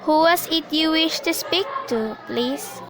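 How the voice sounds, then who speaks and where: Teen girl as a calm formal hospital receptionist, high voice, hissy noisy recording. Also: takes it slowly. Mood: polite. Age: teens. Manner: calm, formal, says madam. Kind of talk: school radio play.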